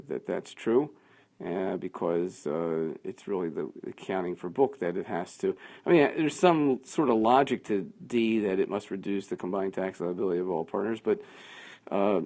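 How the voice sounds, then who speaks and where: A man teaching a class, working through quiz answers out loud in a conversational way. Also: fairly low pitch. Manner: thinking aloud, conversational, with fillers.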